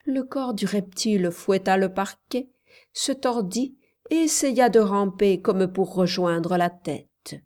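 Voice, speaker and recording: A woman narrating an audiobook in a measured, calm storytelling voice. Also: medium pitch.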